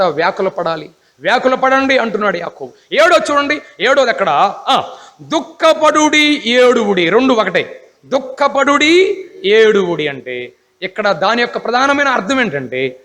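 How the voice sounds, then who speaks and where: A man's voice: sits high, a bit bright, long reverb tail. A man preaching a Bible class sermon, emphatic, often asking the congregation rhetorical questions.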